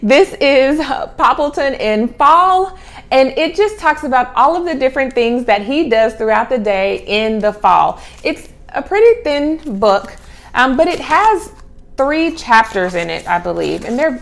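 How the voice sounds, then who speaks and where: A middle-aged woman hosts a homeschooling vlog, chatting casually to camera as she presents children's books and stretches and repeats key words for emphasis. Her voice is a little high, expressive and gravelly, with a measured pace. She's recorded on a clip-on lapel mic in a small home room with a sloped ceiling.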